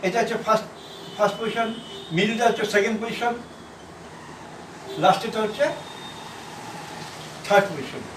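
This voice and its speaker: A man from India teaching a shorthand class, explaining slowly and repeating himself, letter by letter. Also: high-pitched, fairly even intonation, noisy background. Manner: repetitive, halting, spells out letters. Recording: echoey room from far off.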